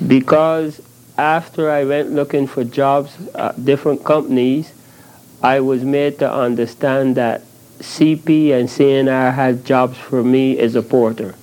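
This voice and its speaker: Man, Barbadian accent, monotone, mellow, terse archival interview answers. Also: mid-range voice, unhurried, rough recording. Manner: brief, factual answers. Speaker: interviewee, former sleeping car porter. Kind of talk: archival oral history interview.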